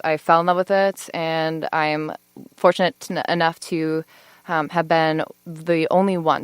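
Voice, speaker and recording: A woman's voice: sits low, a bit bright, smooth, no echo. A woman in her twenties, a law student, chatting as a podcast guest with lots of fillers and easy laughs. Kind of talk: casual podcast interview.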